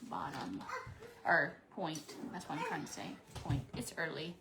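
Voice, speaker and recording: A woman's voice: low voice, animated, unhurried, creaky, noisy background. A woman in her forties chatting casually to camera while painting a craft, rambling and talking to herself as she works. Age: 40s. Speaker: craft vlogger.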